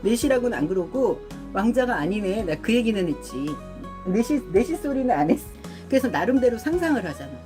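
A middle-aged woman hosting a live stream, chatting casually with viewers, laughing often and clearing her throat a lot. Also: medium pitch. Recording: music playing behind.

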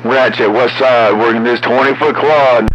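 A man's voice: medium pitch, steady tone, moderate pace, fairly bright tone, dull audio. A man chatting over CB radio in trucker lingo, full of friendly greetings and good wishes. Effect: heard over CB radio. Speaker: CB radio operator. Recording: static-heavy CB radio transmission.

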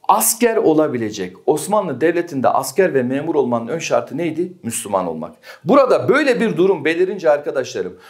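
A man teaching an exam-prep history lesson, often asking his students questions and answering them himself. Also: high-pitched.

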